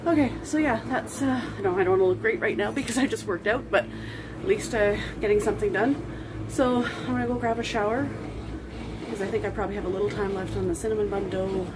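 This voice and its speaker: A woman's voice: medium pitch, fast talker. Chatty middle-aged woman vlogging from across a room. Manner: chatty, thinks aloud while working. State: winded after a workout. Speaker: home vlogger. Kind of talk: casual running commentary. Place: home kitchen and dining room. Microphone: phone camera set across the room. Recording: roomy, distant phone audio with background noise.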